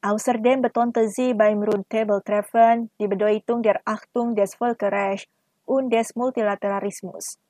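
A woman reading a scripted news report in an even, formal manner. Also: mid-range voice, moderate pace, dry recording. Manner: even, formal read delivery. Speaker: news reader.

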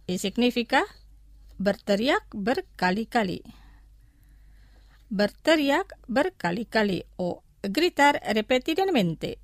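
A woman teaching a language lesson, speaking slowly and deliberately, repeating each word twice for listeners. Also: on the high side, no echo, studio quality.

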